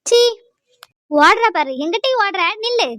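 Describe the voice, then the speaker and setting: A woman voicing a sharp-tongued, scolding middle-aged village woman in a cartoon. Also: extremely high pitch, no echo, clean studio sound. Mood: contemptuous. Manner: scolding, taunting, rapid-fire.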